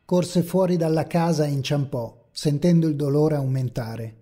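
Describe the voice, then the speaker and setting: A man narrates a horror story in a measured, ominous manner. His voice is husky and mellow, sitting a little high for a man, over faint dark ambient music.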